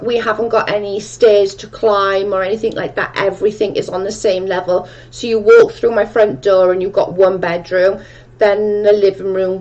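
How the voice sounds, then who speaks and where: A woman from Wales with a strong Welsh accent hosts a casual livestream chat, reading viewer comments aloud and rambling through her answers. Her voice is medium-pitched with a darkish tone, and the sound is lo-fi.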